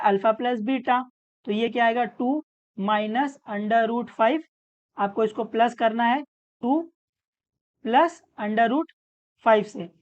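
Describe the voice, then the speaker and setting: A woman's voice: a little high, highs cut off. Woman tutor asking and answering herself. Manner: patient, asks and answers her own questions. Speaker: maths tutor. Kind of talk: step-by-step maths lesson.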